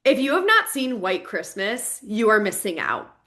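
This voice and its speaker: A woman's voice: mid-range voice, very animated, moderate pace, sharp tone. A woman co-hosting a casual podcast, bubbly and enthusiastic with slangy phrasing. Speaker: podcast co-host. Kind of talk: casual chat.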